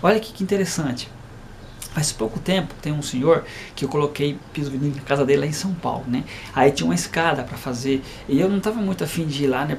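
A man's voice: a little high, vocal fry, a little mellow, a little hiss or hum. A man giving an informal devotional talk, chatty and plain, often tagging his sentences with a questioning aside. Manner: reads a verse, stumbles, rereads it. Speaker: lay preacher.

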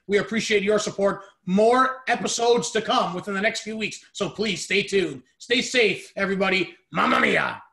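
A man's voice: high-pitched, fairly bright tone. A man hosting a podcast, chatting casually about sports. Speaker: podcast host.

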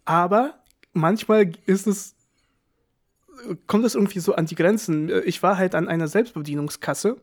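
A man's voice: high-pitched, moderate pace. A young man co-hosting a podcast, chatting casually and telling wry anecdotes, often laughing. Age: young adult. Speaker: podcast co-host. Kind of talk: casual chat.

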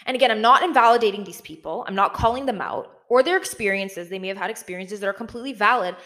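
A woman's voice: medium pitch, fast talker, a bit bright. A young adult woman gives casual, conversational commentary as a video host, sprinkling in "like" and "again", recorded in a big, sparsely furnished room that echoes. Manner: informal, conversational, frequent "like" and "again".

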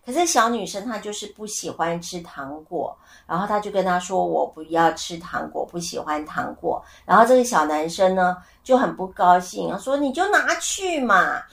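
Lively storytelling woman, lowish voice. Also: moderate pace, creaky, few pauses. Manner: animated storyteller who asks listeners questions; acts out voices in her stories. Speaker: podcast host. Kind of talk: casual solo podcast talk.

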